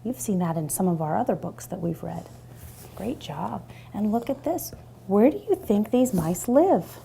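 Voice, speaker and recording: A woman tutoring a young child in reading one-on-one, gentle and encouraging. She praises often and drops her voice to a soft near-whisper. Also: mid-range voice, expressive, unhurried, vocal fry, a little hiss or hum.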